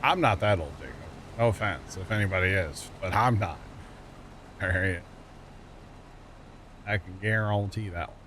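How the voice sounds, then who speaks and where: Speaking in a low, fairly bright voice at normal speed with long pauses, a middle-aged livestream host chats casually during a game. He teases his co-player, jokes and hums along while game vehicle engine noise plays behind.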